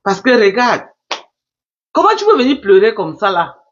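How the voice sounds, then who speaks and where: A woman's voice: mid-range voice, very animated, normal speed, a little hiss or hum. A woman hosting a Facebook live, taunting and scolding in a repetitive, mocking commentary. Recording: muffled lo-fi live stream.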